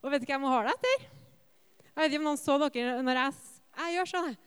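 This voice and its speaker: A woman preacher giving an earnest sermon, telling lively personal stories and asking the congregation rhetorical questions. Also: high-pitched. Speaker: preacher and worship leader.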